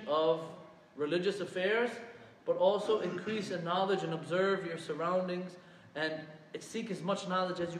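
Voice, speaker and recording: High-voiced man teaching in an echoey hall. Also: recorded from a distance. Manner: questions the class often, recites Arabic quickly. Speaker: Islamic teacher. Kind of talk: interactive religious lesson.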